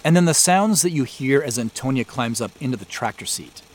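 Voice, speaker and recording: Against a noisy background, this American show creator and sound designer from Spokane Valley, Washington talks through director's commentary in a conversational, explanatory way. His voice is mid-range, animated and brisk.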